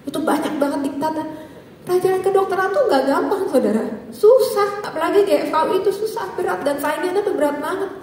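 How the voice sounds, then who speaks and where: A high-pitched, middle-aged woman with a Jakarta accent gives a personal testimony to a church congregation. She tells her story with life and keeps turning to the listeners as brothers and sisters. Her voice rings through a large, strongly echoing hall and comes from well off the microphone. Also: fast talker, a little mellow, a little hiss or hum. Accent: Jakarta Indonesian. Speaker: physician giving a church testimony. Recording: echoey hall, voice from far off.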